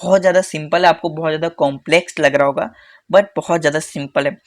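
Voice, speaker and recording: A man teaching a casual coding tutorial who talks fast in a chatty way, calls viewers "bhai" and repeats phrases for emphasis. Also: a little high, fairly even intonation. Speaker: coding instructor.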